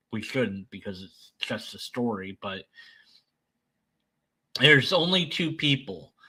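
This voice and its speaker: A man giving unscripted reaction commentary in a sardonic, dismissive manner with deliberate, emphatic phrasing. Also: mid-range voice, bright, forceful tone, rough recording. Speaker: commentator debunking another person's video.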